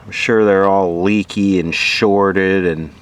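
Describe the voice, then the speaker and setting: A deep-voiced man, steady and unhurried, gives relaxed, unscripted commentary on old equipment as host of a vintage radio repair video. He muses aloud and quizzes himself with a sardonic streak.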